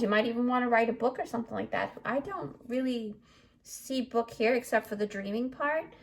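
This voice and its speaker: A woman with a somewhat high voice talks through a tarot card reading, speaking directly to the viewer. She rambles a little, trails off and restarts, and reassures the listener as she goes. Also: vocal fry. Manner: chatty, meandering, many fillers and restarts.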